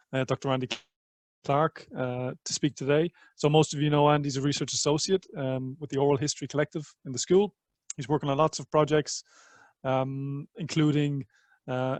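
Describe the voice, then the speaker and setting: A man's voice: mid-range voice, no echo. A man chairing an online academic seminar, introducing the speaker in a friendly, hesitant way with fillers.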